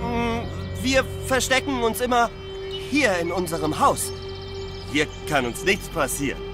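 A man's voice: high-pitched, unhurried, over music. A man playing a childlike, simple-minded ruin dweller in a video game, talking in a naive, hesitant way. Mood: timid, naive.

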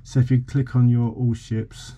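In an informal vlog demo of a boat radio, a man in his forties explains with slight hesitation. His mid-range voice is level and mellow at a normal speed, and the background is clearly noisy.

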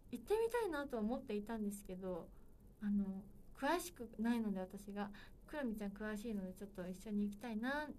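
A woman's voice: medium pitch, a little mellow, a little hiss or hum. A woman in her twenties hosting a solo livestream, chatting casually and playfully with viewers. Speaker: livestream host.

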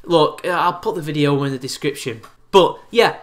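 A YouTube commentator in his twenties vents sarcastically and in exasperation for a response video, filmed by webcam in a small, bright indoor space. His voice is somewhat high, and he talks at a moderate pace.

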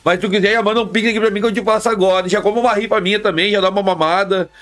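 A man's voice: sits high, steady tone, racing, a bit bright. A man live streaming, chatting casually and repetitively with his viewers in slang. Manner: slangy, repetitive, talks straight to chat.

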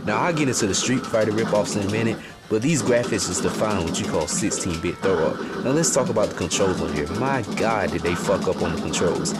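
A man's voice: on the low side, lively intonation, brisk, few pauses. A young American man giving an exasperated, profane, comedic rant as a video game reviewer. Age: young adult. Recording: loud music under voice. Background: loud music.

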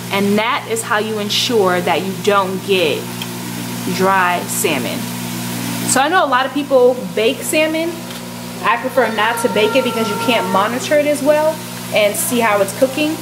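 A woman's voice: mid-range voice, noisy background. A young woman in her twenties chatting through a cooking vlog in her home kitchen, explaining each step to a handheld camera. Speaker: vlogger. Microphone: handheld camera close up.

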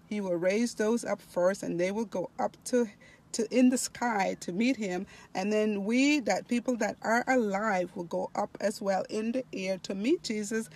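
Slow, unhurried woman reading devotionally. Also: medium pitch. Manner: reads slowly and repeats phrases for emphasis. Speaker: devotional reader and host.

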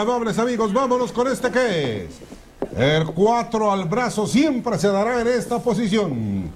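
A man's voice: high-pitched, slight background noise. A man with a Mexican accent giving florid, grandiloquent wrestling commentary as a lucha libre announcer.

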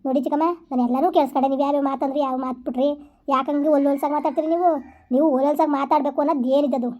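A fierce young elder sister, played by a woman, rattling off rapid scolding lines. Her high voice has a mellow, darker tone. It is a protective, indignant village-skit role. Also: steady tone, natural voice.

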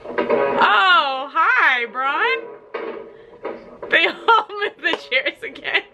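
A young woman giving a casual, emotional live reaction, excitable and prone to swearing and exclaiming. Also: very high voice, drawn-out words, poor audio. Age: young adult. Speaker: reactor to TV episodes. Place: living room, in front of a playing television. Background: television show music.

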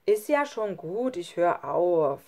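Eine Frau, die in einem Hörbuch einen frechen, trotzigen kleinen Jungen spricht. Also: female voice, lowish voice, sing-song, takes it slowly, mellow, heavily acted. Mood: teasing. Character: cheeky, mischievous young boy.

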